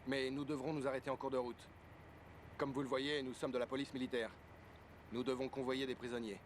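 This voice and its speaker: Composed lieutenant, medium-pitched, played by a man. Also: little pitch movement, a little hiss or hum, lightly acted. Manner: formal, measured briefing. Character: courteous, composed male military police lieutenant. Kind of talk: French-dubbed war film acting.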